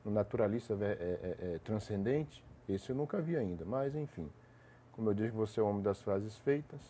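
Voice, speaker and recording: A man with a head cold hosts a casual live stream, his low, dark and mellow voice thick with congestion. He rambles along with restarts and tag questions, greeting viewers between thoughts, over a faint hiss of background noise. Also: lively intonation, normal speed.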